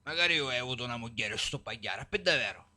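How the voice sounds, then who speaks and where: Guy doing a crazy menacing sicilian mob boss, game parody, taunting, super sharp bright voice. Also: medium pitch, animated, quick pace. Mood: mock-gracious. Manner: domineering, taunting. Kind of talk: amateur comedy parody dub of a video game.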